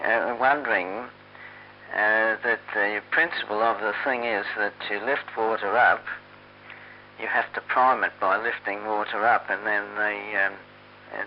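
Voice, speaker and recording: Man, amateur radio operator, monotone, hesitant phrasing with pauses, casual on-air chat, radio transmission, hum and noise. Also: fairly low pitch. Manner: halting, hesitant, long pauses between phrases. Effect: heard over amateur radio transmission. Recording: dull lo-fi radio, hum and hiss.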